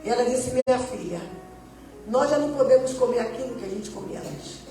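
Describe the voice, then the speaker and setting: A woman's voice: on the high side, lively intonation, fairly quick, mellow, soft background music. A woman missionary giving a testimony sermon, telling her story and acting out the dialogue. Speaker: missionary preacher. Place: church hall. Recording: echoey church hall, distant mic.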